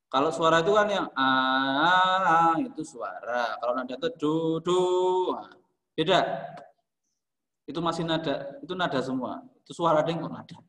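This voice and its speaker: Animated and fairly quick, this Indonesian music teacher's somewhat bright, high-leaning voice comes with frequent pauses and a roomy sound. Teaching online, he names students, echoes back what they say, and explains every term.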